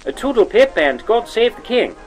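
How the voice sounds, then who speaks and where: A man's voice: high voice, big pitch swings, normal speed, soft background music. Plummy old-timey radio guy, pompous and a bit sleazy, voice swoops all over the place. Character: pompous lecherous old-fashioned male radio presenter. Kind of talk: 1940s radio acting.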